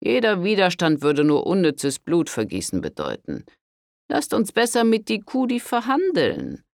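A man voicing a stern, scheming older priest who speaks slowly and haughtily in an audiobook. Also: sits high, huge pitch swings, gravelly, no echo, studio quality, voice pushed up, exaggerated voice. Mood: smooth. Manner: severe, slow and haughty.

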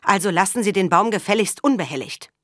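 A woman's voice: mid-range voice, animated, fast, fairly bright tone, no room sound, clean studio sound, voice pushed up. A woman reading the part of a firm, matter-of-fact man settling a land dispute.

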